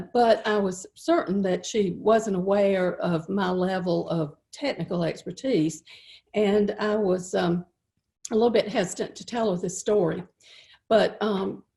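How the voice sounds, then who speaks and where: Folksy woman emceeing a gala. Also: medium pitch. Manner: warm, folksy storytelling with filler words. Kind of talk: speaking to the camera at a virtual gala.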